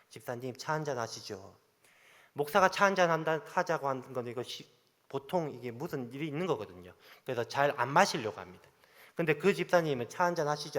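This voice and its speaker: Gyeongsang-accented pastor with a lively pitch. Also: male voice. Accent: Gyeongsang Korean. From Gyeongsang region, Korea. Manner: animated storytelling, acting out dialogue. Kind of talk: sermon. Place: church sanctuary. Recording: long church hall reverb.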